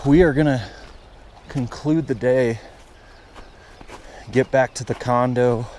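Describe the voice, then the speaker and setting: A man filming a casual fishing vlog outdoors by a mountain stream, talking excitedly to his viewers. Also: mid-range voice, slow. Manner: excitable, talks straight to viewers. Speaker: fishing vlogger. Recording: outdoor footage with steady stream noise.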